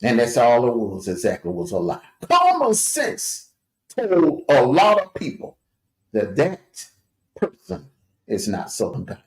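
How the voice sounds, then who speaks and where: A man's voice: mid-range voice, huge pitch swings, measured pace. A man hosting a livestream, giving a taunting, jeering commentary rant with scornful laughs. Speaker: livestream host. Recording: echoey room.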